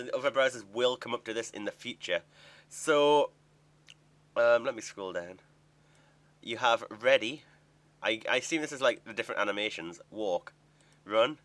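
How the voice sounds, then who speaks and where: A young man talks through what he sees on his screen in a loose, chatty way, thinking aloud and reacting as he clicks around. His delivery is casual and unscripted, with a voice of ordinary middle pitch. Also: sharp tone. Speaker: gaming video creator. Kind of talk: casual screen-recorded commentary.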